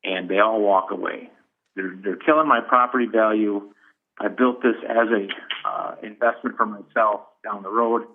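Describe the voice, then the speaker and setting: A man's voice: lowish voice, fairly even intonation, moderate pace. A middle-aged man calling in on speakerphone to give blunt, plainspoken public comment at a county meeting. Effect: on speakerphone over a phone line. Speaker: caller giving public comment. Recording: tinny phone line over a room speaker.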